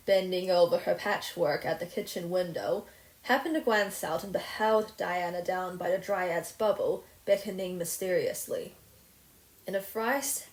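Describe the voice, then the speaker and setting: A woman reading a classic novel aloud with measured, expressive narration. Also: lowish voice. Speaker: reader. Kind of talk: storybook reading. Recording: roomy echo.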